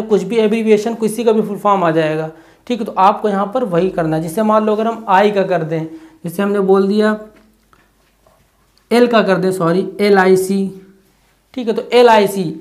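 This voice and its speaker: With a mid-range voice, a teacher runs through exam-prep material by raising rhetorical questions and answering them point by point. The lesson is punctuated by frequent, quick "okay"s to check in.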